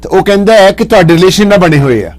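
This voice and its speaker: A man's voice: high-pitched, lively intonation, rapid-fire. A man hosting a radio call-in show, questioning the caller closely and slipping in English phrases. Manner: probing, mixes English phrases. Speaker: radio host.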